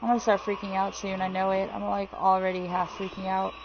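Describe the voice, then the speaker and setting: A woman giving casual, jittery commentary while playing a horror game, swearing freely and reading things out loud. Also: medium pitch, monotone, brisk, muffled recording, noisy background. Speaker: let's play gamer.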